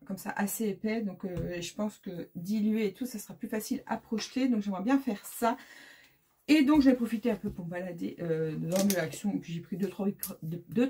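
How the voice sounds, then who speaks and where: A middle-aged woman vlogs in a relaxed, chatty way. Her voice is soft and a bit breathy. She rambles and hesitates often, restarting her sentences as she goes. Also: mid-range voice. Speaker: vlogger. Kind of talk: casual chat.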